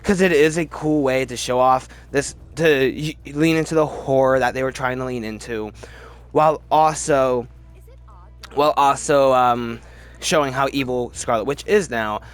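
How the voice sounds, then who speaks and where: Soft music plays behind a man whose mid-range voice is clear and resonant as he ranks movies at a moderate pace. The commentary is casual and full of opinion, wandering a bit, with words repeated for emphasis.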